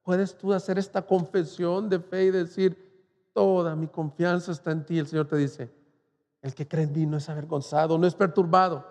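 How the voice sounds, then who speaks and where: Male pastor from Mexico, high-pitched, impassioned preaching in a reverberant church hall. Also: fairly even intonation, normal speed, darkish tone. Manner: impassioned preaching, rising to cries. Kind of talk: sermon.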